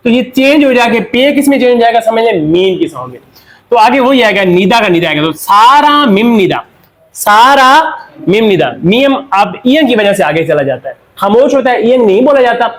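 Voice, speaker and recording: In this Korean pronunciation class, the teacher is a man with a Pakistani Urdu accent and a very high voice with lively intonation. He asks himself questions and supplies the answers, and he slows down to spell the example words.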